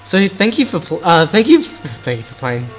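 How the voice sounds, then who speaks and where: A young man talks through a horror game in a casual, jittery way, cursing as he plays. His voice sits a little high for a man. Game music plays clearly behind him. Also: very animated, normal speed, rough recording. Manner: nervous, swearing, jumpy. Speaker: gamer playing with a friend. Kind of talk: casual let's-play chat.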